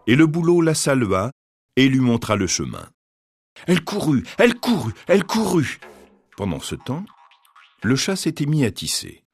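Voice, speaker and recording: Male fairy-tale reader, lively pitch, medium voice. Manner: expressive storytelling.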